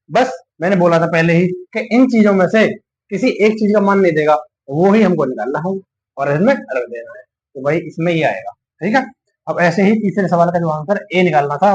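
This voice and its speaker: A man's voice: on the high side, slightly rough. Patient man tutoring maths, lo-fi. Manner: patient, reassuring, talks through each step aloud. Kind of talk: step-by-step maths lesson. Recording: dull lo-fi sound.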